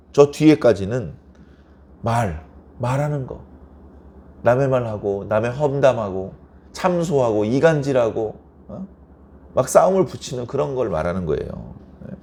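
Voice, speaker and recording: A man's voice: medium pitch, sing-song, a little slow, long pauses, darkish tone. A male pastor preaching at an early-morning service. He talks conversationally, keeps asking the congregation rhetorical questions, and acts out little everyday quarrels as he goes.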